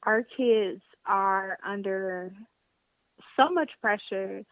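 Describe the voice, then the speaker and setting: A woman's voice: medium pitch, extremely slow, no echo. A woman from Detroit, a singer and teacher, talking candidly and animatedly as a podcast guest. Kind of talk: casual chat. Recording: tinny phone-like line.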